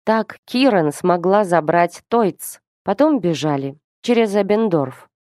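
A woman narrating a fantasy novel in a steady storytelling manner. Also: fairly low pitch, unhurried, no echo, studio quality. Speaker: audiobook narrator. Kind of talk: scripted narration.

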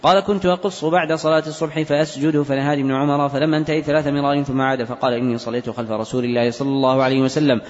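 A man reading hadith text aloud to his teacher, running through the chains of narrators in a brisk, unbroken recitation. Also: medium pitch, fairly even intonation. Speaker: student reader. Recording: dull recording with long hall reverb.

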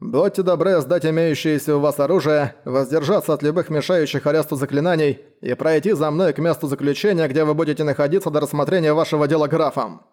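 A man voicing an older soldier who speaks in a measured, formal and cautious way in an audiobook. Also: on the high side, darkish tone, close to an everyday voice. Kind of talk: audiobook character voice.

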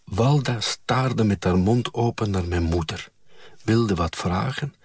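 A man calmly narrating a story in a measured way, recorded close on a studio mic. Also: on the low side, breathy edge, no room sound. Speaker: audiobook reader. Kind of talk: scripted narration.

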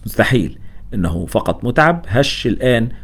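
A man voicing a restless, sarcastic young male doctor with a quick wit. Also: medium pitch, very animated, a bit bright, breathy edge, heavily acted.

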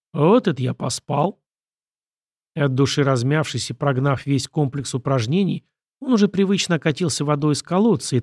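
A man narrating an audiobook in an even, measured storytelling manner. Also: on the high side, dry recording, studio quality.

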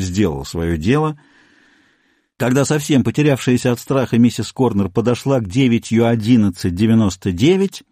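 Guy reading a story aloud, lively expressive delivery, mellow voice, dry close sound. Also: medium pitch, no echo. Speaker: narrator. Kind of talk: scripted narration of an audiobook.

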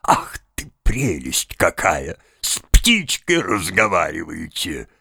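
Guy doing a deep fawning prison boss, slow and gushy, all exclamations. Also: huge pitch swings, gravelly, sharp tone, breathy edge, dry recording, studio quality, full character voice. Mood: gushing. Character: fussy elderly prison director, gushing and flattering.

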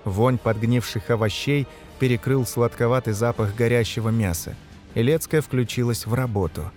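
A man's voice: medium pitch, normal speed, soft background music. Man narrating a grim fantasy audiobook. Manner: voices characters by shouting their lines. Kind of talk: scripted narration.

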